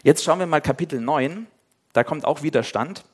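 A man's voice: on the high side, normal speed, slightly rough. Man, Bible teacher, informal explanation, scripture reading aloud, lightly voiced quotes. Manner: addresses listeners informally.

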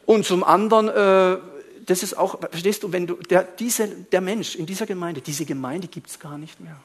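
A man preaching to a congregation, telling stories in an animated way that swings between quiet asides and loud outbursts. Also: high-pitched, normal speed. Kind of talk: storytelling sermon.

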